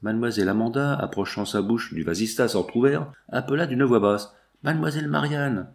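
Male audiobook narrator, fairly low voice, measured and even. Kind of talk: scripted narration.

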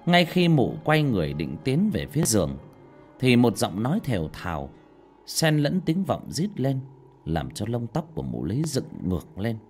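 A man narrating a scripted horror story in a dramatic, expressive manner. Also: mid-range voice, moderate pace, faint music behind.

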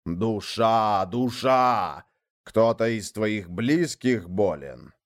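A man voicing a giant male lord of the underworld, wrathful and scornful, who growls and thunders slowly in a storybook reading. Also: fairly low pitch, lively intonation.

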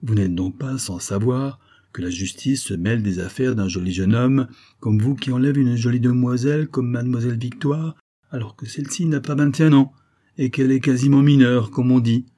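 A man's voice: mid-range voice, steady tone, moderate pace, warm tone, voice pushed up, close to an everyday voice. A man voicing a shrewd, good-natured old country farmer who talks in a knowing, folksy, insistent way.

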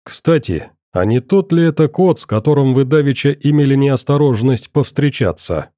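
A man's voice: mid-range voice, animated, mellow, no echo, clean studio sound, pitched above the performer's own voice, lightly acted. A man voicing a coldly polite middle-aged interrogator in an audiobook, courteous and probing. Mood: pointedly polite. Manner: pointedly courteous, probing, deliberate.

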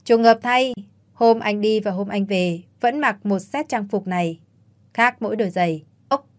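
A woman's voice: medium pitch, normal speed. A woman narrating a first-person story in a confiding way, speaking directly to her listeners.

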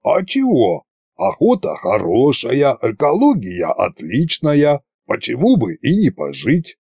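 A man reading as a scheming old tsar who gives his orders slowly, a gravelly, husky voice rising and falling widely. The audiobook voice sounds close and dry. He bosses his underlings in a homely, cunning way. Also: medium pitch, wildly swooping pitch, a little mellow, no echo, pitched above the performer's own voice, exaggerated voice. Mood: commanding. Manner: slow, commanding, folksy. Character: bossy scheming old male tsar Koschei.

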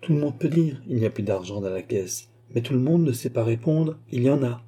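A man voicing a smooth, scheming royal finance minister who speaks in a courtly, assured manner. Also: medium pitch, fairly quick, dark tone, close to an everyday voice.

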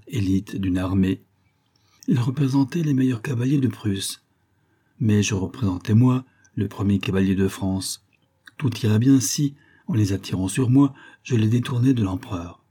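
A man reading an audiobook aloud, telling a first-person adventure with expressive, dramatic swells. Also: on the low side, breathy edge. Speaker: audiobook narrator. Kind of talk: scripted audiobook narration.

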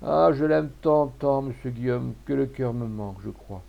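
A man's voice: medium pitch, huge pitch swings, a little fast, breathy edge, dull audio, full character voice. A man voicing a timid young shop clerk who stammers and pleads, in an audiobook. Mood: pleading.

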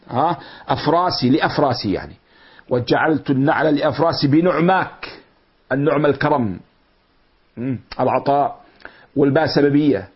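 A middle-aged man delivers a patient lecture on classical poetry. He speaks in a husky tone at an ordinary pitch, going over words again and glossing them. The recording is dull and lo-fi. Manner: explains slowly, repeating and glossing words. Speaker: teacher.

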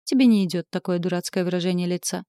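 A sly male demon knight, put on by a woman reading aloud, taunting and bossing the heroine with a mellow, warm tone. The delivery sits fairly low and close. The recording is dry and close. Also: quick pace, smooth, dry recording, natural voice. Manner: taunting, commanding.

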